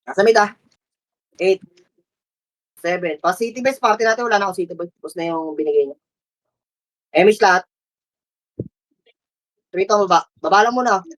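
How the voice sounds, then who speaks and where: A woman's voice: medium pitch, moderate pace, pauses often. A woman calling out commands to her team during an online game, firing off repeated orders and counts with lots of swearing. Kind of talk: live gaming voice chat callouts.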